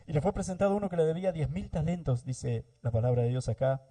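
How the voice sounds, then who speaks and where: A man's voice: on the high side, fast, mellow. A man from Argentina preaching a sermon in church, addressing the congregation and saying amen often. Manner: preaching, repeatedly addressing the congregation, frequent amens. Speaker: pastor.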